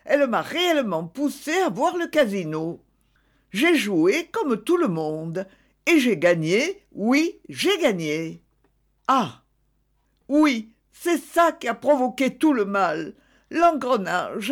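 A woman's voice: fairly high pitch, sing-song, takes it slowly, voice pushed up. Coaxing, theatrical wife, read by a woman. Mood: pleading. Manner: theatrical, pleading then commanding. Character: extravagant wife, self-justifying and coaxing.

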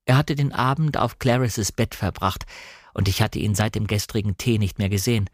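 A man reading a novel aloud in calm, even scripted narration. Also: fairly low pitch, moderate pace, breathy edge, dry recording, clean studio sound. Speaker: audiobook reader.

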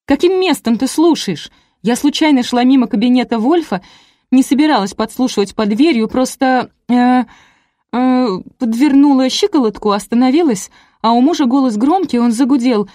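A woman's voice: high voice, normal speed, dark tone, no room sound, studio quality, voice pushed up, lightly acted. A woman reading an audiobook, voicing a hysterical jealous wife who shrieks and hurls insults. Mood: shrill furious. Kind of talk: audiobook character voice.

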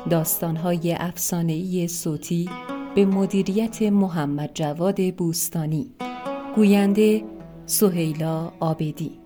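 Calm woman reading a folktale. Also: fairly low pitch, music in the background. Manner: calm, measured, conversational. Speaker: audiobook narrator. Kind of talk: storytelling audiobook narration.

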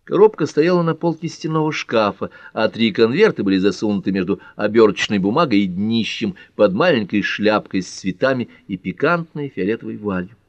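A man with a lowish voice narrates a detective audiobook at a measured pace. The recording is close and dry, with a dull, lo-fi sound. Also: expressive, no room sound. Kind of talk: scripted narration.

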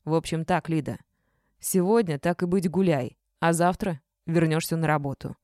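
A gruff middle-aged boss who barks blunt orders and growls his reproaches, as a woman reader voices him. The voice is dark and mellow, recorded close and dry. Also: sits low, normal speed, no room sound, lightly acted. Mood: angry.

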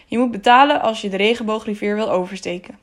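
A woman's voice: medium pitch, quick pace, close to an everyday voice. A woman voicing a stern middle-aged toll guard who lectures in an officious, indignant manner.

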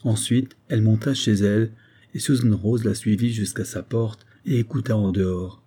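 A man's voice: lowish voice, fairly even intonation, normal speed, mellow, breathy edge. A man reading an audiobook voices a tender carpenter's wife who pleads tearfully and speaks deferentially, calling her listener "sir". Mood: sorrowful. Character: tender, tearful carpenter's wife, middle-aged servant woman.

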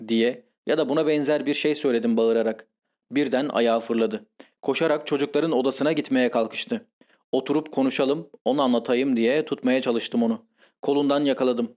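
A man reading a first-person literary confession as an audiobook, in a measured, grave and intense manner. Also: mid-range voice, a little mellow. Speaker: audiobook narrator.

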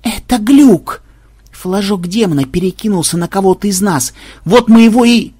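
A narrator voicing an excitable, paranoid young male programmer who speaks in a high, jumpy, husky voice. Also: a little fast, lightly acted. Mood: manic. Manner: shrill, jumpy, laughing fits.

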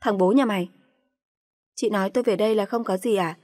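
A woman's voice: mid-range voice, fairly quick, darkish tone, dry recording, studio quality, close to an everyday voice. Woman voicing a furious, foul-mouthed sister-in-law.

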